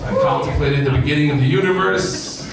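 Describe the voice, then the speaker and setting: Echoey, distant male stand-up comedian, higher-pitched. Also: fairly quick, crowd noise. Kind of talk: open mic stand-up comedy. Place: small basement comedy club with audience. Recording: very echoey room, distant mic, clear noise. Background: room ambience and noise.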